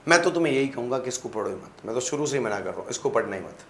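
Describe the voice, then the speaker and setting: A man's voice: medium pitch, lively intonation, racing, fairly bright tone. A man with a Rajasthani accent teaching a class, repeating each point, quizzing his listeners and mixing English phrases into his talk. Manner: mixes English phrases into Hindi; clears throat often. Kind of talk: classroom-style lecture. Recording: echoey room with faint background hum.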